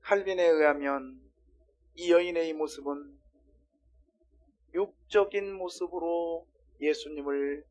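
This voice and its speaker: Impassioned high-voiced male pastor. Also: takes it slowly, long pauses. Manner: impassioned, swings from loud cries to hushed low talk; asks the congregation questions and has them repeat. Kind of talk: sermon.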